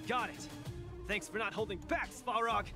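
An actor playing an earnest young male arena fighter in a video game, expressive and spirited. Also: high-pitched, normal speed, loud music behind the voice. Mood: fired up. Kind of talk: English video game voice acting.

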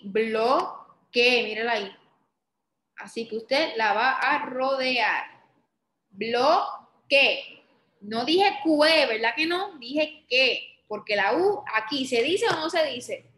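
Woman, kindergarten teacher, high voice, very slow and patient, draws out and repeats words, echoey room. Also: a bit bright. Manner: asks the children questions and answers them herself. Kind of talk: slow phonics lesson for young children.

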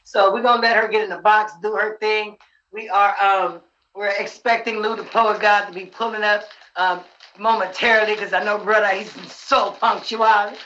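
A woman's voice: medium pitch, steady tone, moderate pace, a bit bright, muffled recording, a little hiss or hum. A woman hosting a livestream, introducing a singer in an upbeat, chatty way. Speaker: livestream host. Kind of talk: casual chat. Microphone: phone livestream.

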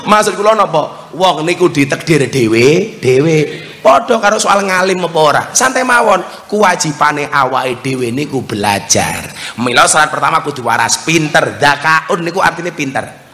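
A man's voice: fairly high pitch, bright, forceful tone. A man with a Javanese accent preaching a comedic sermon, joking and teasing the audience. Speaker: Islamic preacher. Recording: long hall reverb, faint noise.

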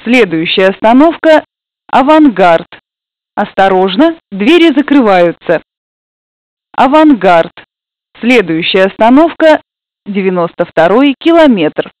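A woman making formal, measured stop announcements over a commuter train's public-address system. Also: mid-range voice, very animated, darkish tone, dry recording. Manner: measured, formal, evenly spaced phrasing. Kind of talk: recorded station announcements. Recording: dull lo-fi, dry.

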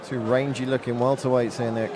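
A man's voice: medium pitch, flat delivery, fairly quick. A man giving live play-by-play commentary on a fight. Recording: crowd and venue noise behind. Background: arena crowd.

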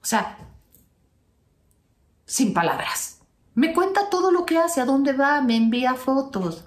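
A woman's voice: medium pitch, roomy sound. A woman self-help coach reading out a viewer's letter and commenting on it with emphatic, sassy asides.

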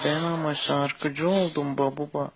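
A man's voice: on the high side, little pitch movement, slow pace, very noisy, pitched above the performer's own voice. A man voicing a proud, wounded, effeminate singer with a Thracian Turkish accent, plaintive and melodramatic in a cartoon-style comic dub.

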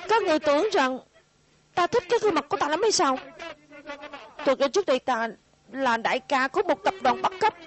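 This is a pitiful mountain bandit from a cartoon dub, a former kidnapping boss now reduced to hunting, as a woman acts him out. He grumbles gruffly and self-pityingly about his lot. The voice sits fairly high. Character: pitiful ugly male mountain bandit turned hunter.

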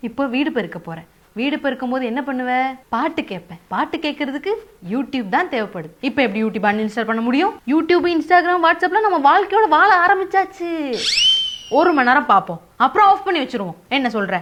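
High-voiced woman arguing with herself. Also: big pitch swings, brisk, lo-fi sound. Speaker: comedy creator. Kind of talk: comic monologue.

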